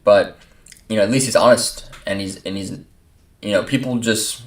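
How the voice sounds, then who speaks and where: Brief: casual lowish male reactor, loose and rambling, roomy echo, off-mic. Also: fairly even intonation, moderate pace, distant mic. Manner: loose and rambling, full of fillers and restarts, laughs easily. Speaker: video reactor.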